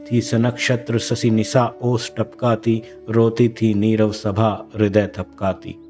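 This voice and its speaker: A man reciting classical verse with a solemn, measured delivery. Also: on the low side, flat delivery, reverberant, music in the background. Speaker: poetry reciter.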